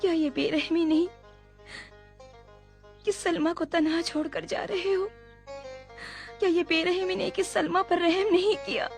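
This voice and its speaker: A very high, pleading young woman. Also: fairly even intonation, unhurried, vocal fry, pauses often, soft background music, full character voice. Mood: reproachful. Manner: pleading, reproachful. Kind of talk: Urdu film dubbing.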